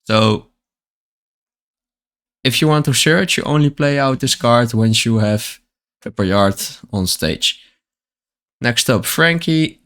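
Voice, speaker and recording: A man talks through a card game deck one card at a time, reading each card's text aloud and then explaining it in plain words. He has the hiccups. His pitch sits in the middle range for a man. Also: animated, takes it slowly, pauses often, a bit bright. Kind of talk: casual card-by-card deck walkthrough.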